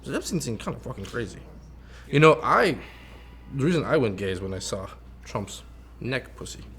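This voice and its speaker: A man's voice: medium pitch, big pitch swings, normal speed, fairly bright tone, slight background noise. A man from France interviewing a guest in a casual chat, teasing and provocative as he reads out crude audience questions.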